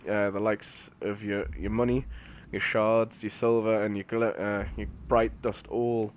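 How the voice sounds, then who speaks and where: Over game music and sound effects, a male streamer offers relaxed, slangy play-by-play that wanders but stays matter-of-fact. He speaks unhurriedly in a lowish, level voice, with a little noise in the background.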